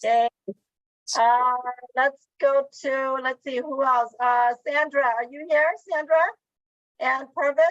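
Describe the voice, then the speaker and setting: Halting woman hosting a video call. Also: high-pitched, steady tone, a bit bright, dry recording. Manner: halting, with frequent fillers. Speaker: meeting host. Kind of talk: casual online meeting talk. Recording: dull lo-fi call audio.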